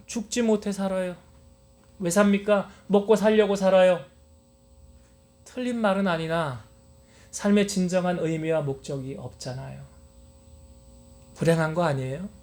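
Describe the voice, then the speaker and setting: A man preaching a sermon as pastor to his church congregation, often asking them questions and then answering them himself. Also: sits high. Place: church sanctuary.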